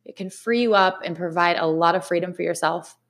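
Woman, casual motivational vlog, animated, chatty, repeats herself for emphasis. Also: fairly low pitch, a little fast. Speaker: vlogger. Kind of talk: casual motivational talk to camera.

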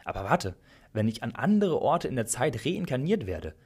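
A man reading the questions of a newly dead, curious and doubting man in a spoken story, with a husky voice. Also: mid-range voice, big pitch swings, normal speed, a little mellow. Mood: questioning.

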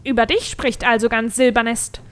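A woman voicing a shifty, scarred male dwarf who deals pills, talking in a sly, wheedling, drawn-out way. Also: a little high, flat delivery, fairly bright tone, clean tone, soft background music, close to an everyday voice.

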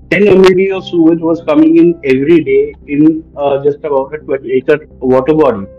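Earnest middle-aged Indian man, slightly high voice. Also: darkish tone, highs cut off. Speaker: expert panelist. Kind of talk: explanatory panel talk.

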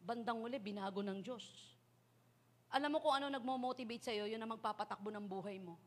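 A woman preaches in a loose, chatty way, sprinkling jokes and English phrases. Her voice sits a little high for a woman. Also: fairly quick. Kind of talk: sermon.

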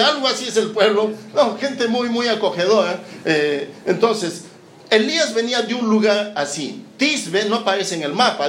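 Predicador chileno bromista con eco. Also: male voice, sits high, a little hiss or hum. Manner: lively, joking, acts out scenes. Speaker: preacher. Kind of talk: sermon. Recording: roomy echoing hall.

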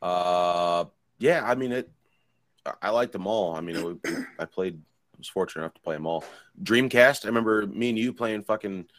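A deep-voiced man in his thirties talks in a loose, rambling way, with lots of swearing as he recalls old stories. His voice sits low and is recorded dry and close, with no room sound around it. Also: normal speed, no room sound. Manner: rambling, profane, laid-back storytelling. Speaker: podcast co-host. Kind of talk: casual chat.

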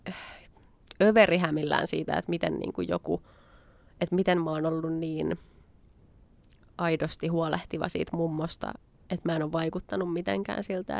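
A young woman's lowish, creaky voice comes through with no room sound as she recounts a casual personal story. Chatty throughout, she reenacts her own past lines with quoted asides.

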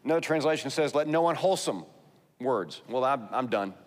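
A man with a Texas accent, a pastor, preaches expressively at medium pitch and a little fast. He speaks conversationally and emphatically, weaving scripture readings between his remarks, with long reverb from a large hall.

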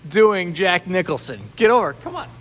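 High, expressive and a bit bright, this podcast co-host's voice moves at normal speed over a faint hiss or hum. He's easygoing, teasing and chuckles often in the casual chat. A sheltered outdoor spot lends a large echoey reverb.

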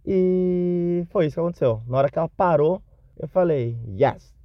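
A man's voice: high-pitched, moderate pace, no room sound, dull audio. A man telling a self-deprecating Christmas anecdote as a listener in a recorded message. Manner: self-deprecating, animated retelling. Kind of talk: recorded anecdote, casual storytelling.

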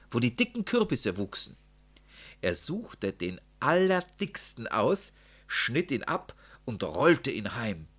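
A man narrating a children's story in an expressive, dramatic way. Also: fairly low pitch. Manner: expressive, dramatic rises and drops.

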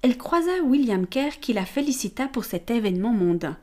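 Woman reading an audiobook, calm measured storytelling. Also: a little high. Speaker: audiobook narrator. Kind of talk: scripted narration.

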